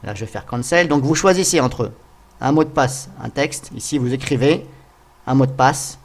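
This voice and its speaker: Speaking to viewers at a normal speed, a male tutorial host talks through some software casually, reasoning out loud and hesitating often with fillers. His voice sits in the mid range.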